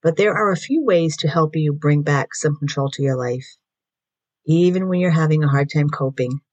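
A woman with a raspy voice hosting a mindfulness podcast, calmly guiding listeners through breathing, her voice slightly hoarse from allergies and recorded in an echoey room. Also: low voice. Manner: calm, slow guided breathing instructions. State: voice going in and out from allergies. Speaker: podcast host.

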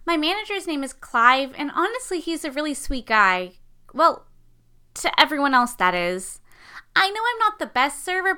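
An actress in her twenties voices a sarcastic young waitress who dreams of music, talking through an audio drama monologue. Her voice sits high and sounds bright and crisp. She keeps a dry, wry edge on everything she says. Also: exaggerated voice. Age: 20s. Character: sardonic young woman, struggling musician and waitress. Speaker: monologue narrator.

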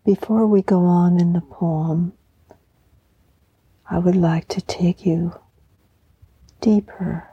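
Very soft, breathy, serene woman guiding meditation. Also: fairly low pitch, no echo, poor audio. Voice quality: soft, breathy, often near a whisper. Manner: serene, soothing, slow and unhurried. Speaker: podcast host and meditation guide. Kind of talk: guided meditation with poetry reflection.

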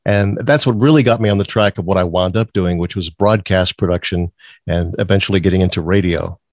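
Chatty low-voiced man telling stories. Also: fairly quick, darkish tone, no room sound. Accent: neutral American, no strong regional accent. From Massachusetts. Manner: chatty, laughs often while telling stories. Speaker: guest. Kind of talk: casual interview chat.

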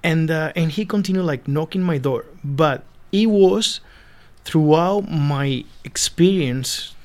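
A man's voice: a little high, slow, a little mellow. A young man from Venezuela with a Spanish accent, a seminarian guest telling his story earnestly in a casual interview, often repeating words as he searches for them.

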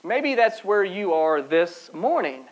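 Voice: mid-range voice, big pitch swings, slow, low-quality recording. A pastor preaching a sermon in a casual, conversational way, with frequent restarts and asides and quoted doubts acted out.

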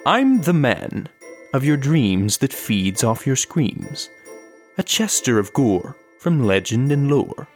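Dude voicing a proud little kid in a bedsheet ghost costume, jaunty rhyme, theatrical, faint music. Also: male voice, mid-range voice, big pitch swings, takes it slowly.

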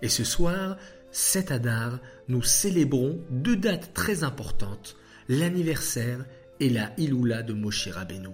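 A man telling a religious story to children, animated and asking the listeners questions. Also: medium pitch, measured pace, faint music behind.

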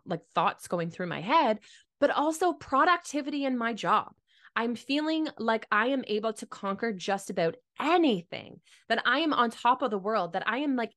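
A woman giving a casual motivational talk to camera, chatty and full of fillers. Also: on the high side. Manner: chatty, filler-heavy, animated with put-on voices.

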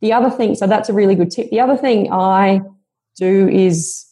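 Mellow-voiced earnest woman guest. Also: mid-range voice, moderate pace. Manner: earnest, motivational, reflective. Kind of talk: conversational podcast interview.

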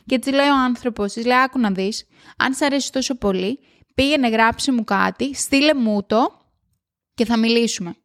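Excited Greek-speaking woman podcaster. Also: on the high side. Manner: excited, loud and emphatic. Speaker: podcast host. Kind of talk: motivational podcast monologue. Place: at home alone.

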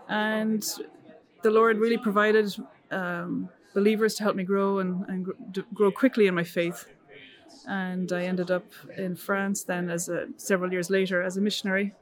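A woman's voice: medium pitch, flat delivery, normal speed. A middle-aged woman from Ireland, earnestly telling her story as a missionary guest in a conversational interview. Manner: earnest, with frequent restarts and fillers.

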